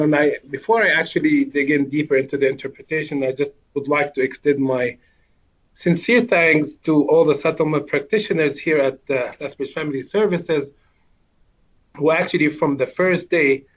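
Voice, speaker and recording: A man with an Arabic accent speaks in a fairly high register. He gives an earnest, informal presentation with halting, wordy phrasing. The audio is dull and muffled, like an online meeting. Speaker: interpreter.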